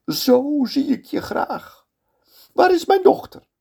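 A shrill, furious old sultan rants in a strained voice pushed far above normal speech. He bellows orders slowly and bitterly. It is a spoken storybook tale. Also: big pitch swings, creaky, heavily acted. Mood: raging. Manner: high strained shouting, slow and bitter.

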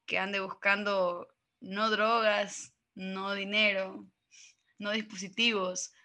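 A woman co-hosts a podcast in casual chat, giggly and teasing. Her voice is bright and clear at a middle pitch. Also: flat delivery, takes it slowly. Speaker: podcast co-host.

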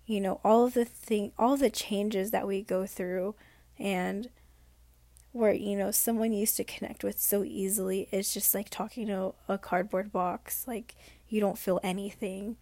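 Losing her voice to illness, a young woman records a late-night vlog in a mid-range, hoarse, gravelly voice that at times drops to a whisper. Her melody stays flat and even while she rambles and reflects, full of fillers, and the sound is close and dry with no room around it.

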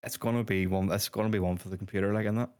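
A man's voice: fairly low pitch, steady tone, rapid-fire, a little mellow, no echo, studio quality. A man co-hosting a gaming podcast, laid-back and tired-sounding, mostly giving short replies. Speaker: podcast co-host. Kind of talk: casual gaming chat.

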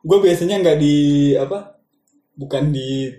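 A man's voice: fairly high pitch, a little slow, dark tone. A man with a Jakarta accent chatting casually in Jakarta slang. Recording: echoey, roomy sound.

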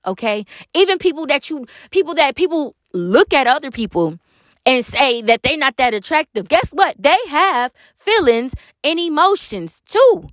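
A woman's voice: high-pitched, fairly bright tone, no echo, clean studio sound. A young woman, talking candidly and emphatically about dating in a casual monologue, swearing freely. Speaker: vlogger.

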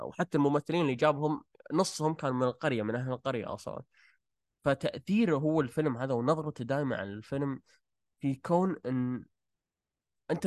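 A man with a Gulf Arabic accent chats about films as a host. He talks quickly but haltingly, circling back to filler phrases, in a dry, close sound. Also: medium pitch, dry recording. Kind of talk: casual film discussion.

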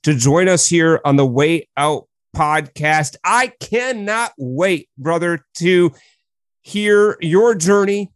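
A man's voice: a little high, animated, slow, no echo, clean studio sound. A man hosting a recovery podcast, reading an enthusiastic scripted introduction. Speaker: podcast host. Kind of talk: scripted intro then interview.

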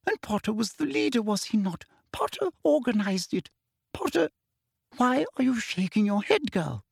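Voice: medium pitch, big pitch swings, normal speed, vocal fry, husky, dry recording, voice pushed up, exaggerated voice. A reader voicing a sugary, menacing middle-aged female official who coaxes with a falsely sweet tone. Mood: furious. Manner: coaxing with falsely sweet "dear". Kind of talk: audiobook character reading.

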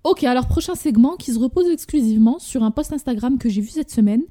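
A young Moroccan woman hosts a relaxed podcast conversation, her voice mellow and warm. She tells stories with energy and drops in Darija and English words. Her voice sits slightly high for a woman. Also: fast talker. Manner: animated storytelling, mixing in Darija and English words. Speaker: podcast host. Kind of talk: casual chat.

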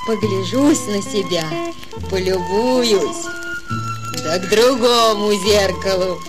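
A woman's voice: mid-range voice, takes it slowly, over loud music, lightly acted. A woman playing a vain, naive young tsar's daughter in a fairy-tale audio drama, languid and self-admiring.

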